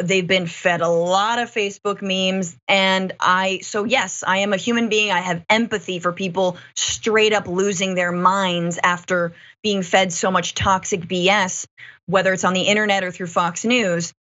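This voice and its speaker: A woman's voice: medium pitch, fairly bright tone. An American woman in her thirties giving emphatic, sardonic commentary as a guest on a video call. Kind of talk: conversational opinion commentary. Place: small home room. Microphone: desk microphone on video call. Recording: slightly dull video call.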